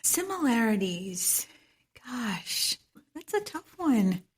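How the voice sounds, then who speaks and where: A woman's voice: fairly high pitch, big pitch swings, slow, husky. A woman from Trinidad with a Trinidadian accent, speaking as a guest on a podcast, reflective and often laughing. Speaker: guest, medical esthetician. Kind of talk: podcast interview.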